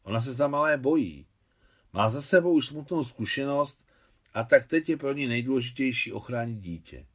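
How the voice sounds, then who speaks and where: A man reading an audiobook, voicing a calm, perceptive middle-aged woman who patiently explains things to her husband. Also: medium pitch, voice pushed up, close to an everyday voice. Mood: explaining. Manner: patient, explaining, gently chiding.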